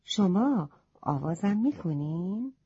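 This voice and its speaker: A woman's voice: medium pitch, animated, warm tone, breathy edge. A woman voicing a curious, polite little boy in a children's story, asking wondering questions, on a slightly muffled recording.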